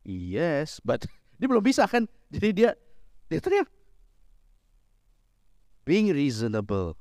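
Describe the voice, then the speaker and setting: A middle-aged man, a pastor, preaching a sermon in a lively, joking way, mixing in English phrases. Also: fairly high pitch, takes it slowly, dry recording, studio quality. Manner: lively, mixes Indonesian with English phrases, jokes with the congregation.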